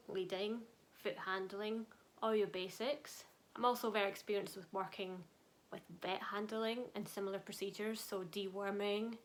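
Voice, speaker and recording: A woman's voice: mid-range voice, a bit bright. Upbeat Scottish woman from Glasgow. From Scotland. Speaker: equine behaviourist, channel host. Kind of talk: scripted channel introduction.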